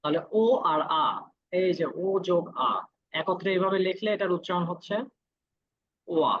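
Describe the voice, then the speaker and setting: A man's voice: sits high, slight background noise. Patient male teacher, muffled lo-fi audio. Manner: patient, repeats each vowel sound slowly. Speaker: Korean language teacher. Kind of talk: classroom lesson.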